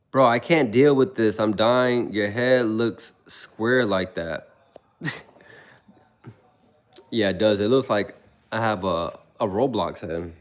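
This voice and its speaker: A young man chatting casually on a livestream, telling stories with animation and reading viewers' comments aloud. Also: lowish voice. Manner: animated storytelling, reads chat aloud.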